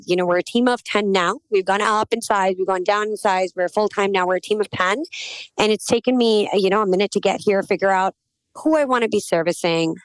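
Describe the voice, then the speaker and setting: A woman's voice: medium pitch, smooth, no room sound, poor audio. A woman in her forties with an American accent, raised in Pakistan, telling her story candidly as an interview guest. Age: 40s. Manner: candid and conversational, quick storytelling with fillers. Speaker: guest, agency founder. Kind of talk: casual interview conversation.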